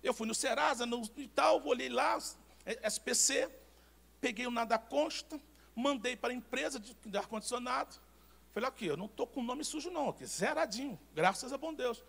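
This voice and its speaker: High, gravelly Brazilian preacher man. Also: moderate pace. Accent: Brazilian Portuguese. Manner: animated storytelling preacher, emphatic repetitions. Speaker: pastor. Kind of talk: sermon with personal anecdotes.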